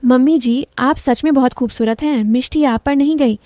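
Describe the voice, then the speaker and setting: A man's voice: very high-pitched, normal speed, a little mellow, no room sound. Woman voicing a coaxing young son-in-law.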